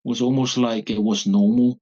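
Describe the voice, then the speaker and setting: A man in his forties from Samoa, speaking haltingly as a guest in an interview. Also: mid-range voice, steady tone, dark tone, lo-fi sound. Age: 40s. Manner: halting, searching for words. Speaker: guest, abuse survivor. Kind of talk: personal interview.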